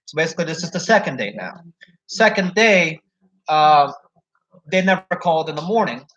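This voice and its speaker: Telling a story as a job applicant, this young man rambles through a job situation in casual conversation, leaning heavily on "like" and "so." His voice is fairly high and fairly bright, expressive, at a moderate pace, captured on a dull lo-fi recording.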